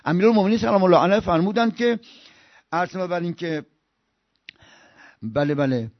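A man preaching an impassioned sermon. He swings from loud outbursts to hushed murmurs and chants scripture in a slow recitation. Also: sits high, animated, no echo, muffled recording.

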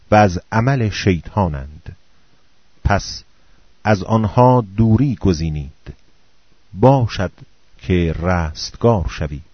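A man giving a slow, solemn reading of scripture in short measured phrases. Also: fairly low pitch, no echo. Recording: dull, muffled dry recording.

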